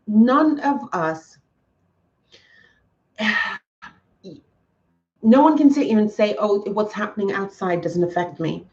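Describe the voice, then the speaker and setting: A woman's voice: mid-range voice, far from the mic, highs cut off. A woman hosting a casual livestream chat, talking to her viewers in an encouraging, emphatic way and often repeating herself. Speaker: livestream host.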